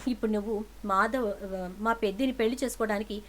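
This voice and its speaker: A decisive older woman takes command of the household, firm and reassuring. A woman narrator voices her. Her voice sits a little high. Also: fairly even intonation, fast, close to an everyday voice.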